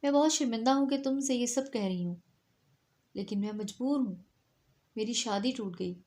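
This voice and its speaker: A woman's voice: on the high side, a little mellow, close to an everyday voice. A woman voicing an anxious, apologetic yet insistent young bride-to-be in a storybook reading.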